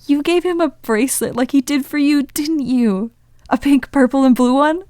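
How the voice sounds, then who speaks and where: Excited, teasing young woman friend done by a female reader; lifted, smooth. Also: mid-range voice, normal speed, no room sound, studio quality, natural voice. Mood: eager teasing.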